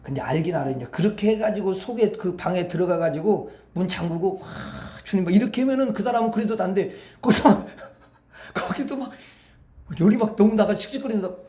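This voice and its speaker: A man's voice: high-pitched, animated, fairly quick, dark tone, roomy sound. A man pastor preaching at an evening prayer meeting, talking to the congregation in a colloquial, conversational way and often asking them rhetorical questions.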